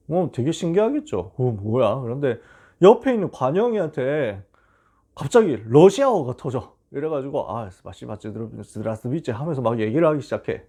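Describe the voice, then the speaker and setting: Male youth pastor, animated, gravelly dark voice, chatty storytelling sermon. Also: on the high side. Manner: casual storytelling, acts out quoted voices. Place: church.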